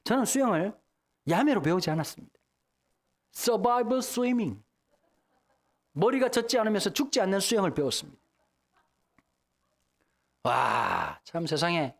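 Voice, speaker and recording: A man from Busan, a guest pastor preaching a revival sermon in an emphatic, humorous way, with sudden shouts when he acts out prayers. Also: high-pitched. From Busan, South Korea.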